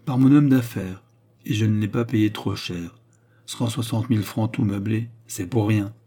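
This audiobook narrator is a man performing a mocking, scheming baronet around thirty years old, pitching his voice up to sound smooth, teasing and icily calculating. The voice sits on the low side, with an unhurried pace and a warm tone.

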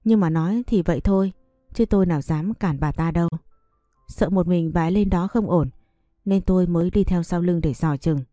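A woman narrating a first-person family story and reading every role in an even, unhurried way. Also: fairly low pitch, no room sound, clean studio sound, soft background music.

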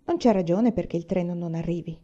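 A woman reading the part of a cheerful, resourceful pioneer father in a storybook, speaking in a steady, reassuring way. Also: lowish voice, fairly quick, close to an everyday voice. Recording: dull lo-fi recording.

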